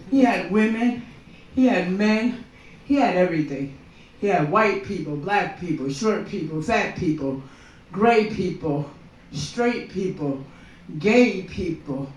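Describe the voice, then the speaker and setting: A woman at an open mic, rambling through her set and forever asking the crowd if they follow. She takes her time, speaking slowly. Her voice reaches the mic from across a very echoey room. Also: medium pitch, a little mellow, far from the mic. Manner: rambling, keeps checking in with the crowd. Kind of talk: stand-up monologue.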